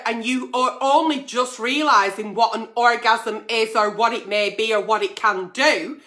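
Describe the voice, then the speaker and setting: A woman's voice: sits high, bright, forceful tone. A woman hosting a chatty livestream, blunt and sweary, her diction slightly slack without her dentures in. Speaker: online agony aunt show host, pantomime performer. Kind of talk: chatty late-night livestream, reading out letters.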